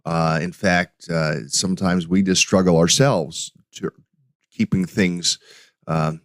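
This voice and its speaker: A middle-aged man hosting a casual solo podcast, talking in a halting way with many restarts and fillers. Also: sits low, steady tone, no echo, clean studio sound. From United States. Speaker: podcast host.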